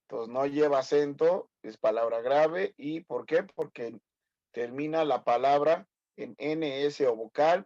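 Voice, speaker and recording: On dull audio, a gravelly, darkish voice of medium pitch belongs to a man in his fifties with a Mexican Spanish accent. He teaches a medical class online, teasing and correcting his students and asking many quiz questions.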